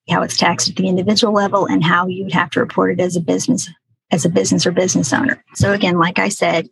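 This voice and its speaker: A woman's voice: on the low side, creaky, breathy edge, no room sound, poor audio. A woman speaking as an expert podcast guest, explaining things conversationally with examples. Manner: explanatory, uses hypothetical examples.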